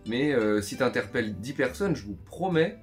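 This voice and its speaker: A man's voice: mid-range voice, animated, moderate pace, soft background music. A man in his twenties giving a casual spoken lesson, chatty and full of fillers, talking straight to his viewers. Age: 20s. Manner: chatty, many fillers, addresses viewers directly. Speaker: language teacher.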